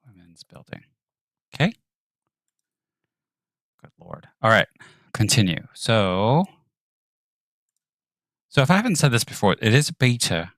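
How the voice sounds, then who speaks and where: A man's voice: on the low side, very animated, takes it slowly, long pauses, fairly bright tone, dry recording. A man streaming his 3D work, thinking aloud and often dropping to a mutter or whisper to himself. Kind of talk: live-stream narration of work.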